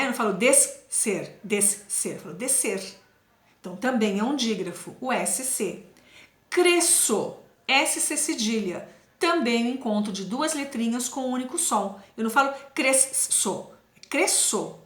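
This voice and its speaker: A woman teaching a primary school class, explaining slowly and carefully and repeating sounds for children. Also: a little high, a bit bright, roomy sound.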